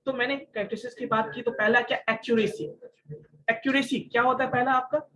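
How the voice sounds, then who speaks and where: A man's voice: very high-pitched, steady tone, quick pace, pushed and bright, a little hiss or hum, poor audio. A male college lecturer teaching an online class, mixing English terms into his talk, explaining with everyday examples and asking his students questions.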